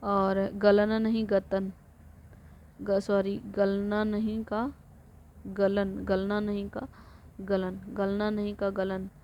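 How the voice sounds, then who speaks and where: A woman teaching Hindi vocabulary for exams, reading word pairs slowly and repeating them, sometimes correcting herself. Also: medium pitch, completely flat delivery, dull audio, a little hiss or hum. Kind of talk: exam-prep vocabulary drill.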